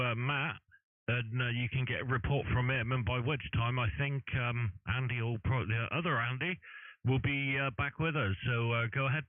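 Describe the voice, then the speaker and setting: A man's voice: medium pitch, no room sound, phone-quality sound. A man hosting a ham radio chat over a two-way radio, polite and chatty in a hesitant way. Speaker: amateur radio live-stream host. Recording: dry, thin radio-band audio.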